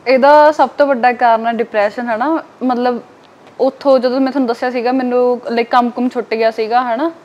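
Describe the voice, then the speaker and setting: Young woman, high voice, rapid talk, frank, interview guest, from Punjab. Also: steady tone, darkish tone, dull audio. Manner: quick, frank and plain-spoken, with many filler tags.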